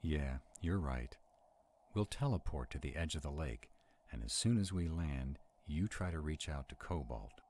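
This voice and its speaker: A man with a very deep, darkish, animated voice plays a sarcastic, protective vampire in a roleplay audio drama. Wary and quick-witted, he speaks urgently and protectively to unseen companions, with slight background noise.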